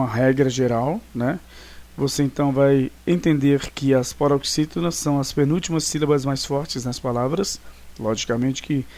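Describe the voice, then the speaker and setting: This man's voice is a little high and darkish in tone. He has a Brazilian Portuguese accent and delivers a recorded grammar lesson in an explanatory style, regularly checking in with the class through tag questions.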